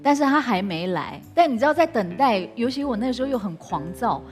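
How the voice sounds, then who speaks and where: A woman speaks candidly on a talk show, her voice a little high for a woman. She leaps into sharp, high bursts when she re-enacts her own anger, and clear music plays behind her. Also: lively intonation, fairly quick. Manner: candid, acts out quoted outbursts with sudden high bursts and laughs. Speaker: guest. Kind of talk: emotional personal storytelling on a talk show.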